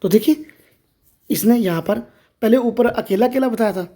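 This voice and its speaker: A woman hosts a step-by-step screen reader tutorial, explaining each stage directly to viewers. Her voice is fairly high but dark in tone, at a moderate pace.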